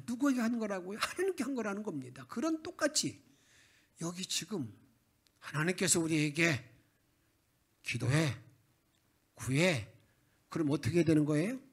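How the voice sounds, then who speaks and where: A man's voice: high-pitched, big pitch swings, a little fast, a bit bright, breathy edge. A man preaching a Sunday sermon as pastor, emphatic and acting out quoted voices. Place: church sanctuary.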